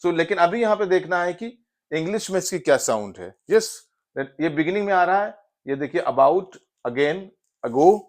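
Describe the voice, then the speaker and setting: A male teacher with an Indian accent and a high, animated voice explains English vowel sounds in a blend of Hindi and English. His explanation is drawn-out and repetitive, with "yes" and "so" dropped frequently between the example words. It's a phonetics lesson mixing the two languages.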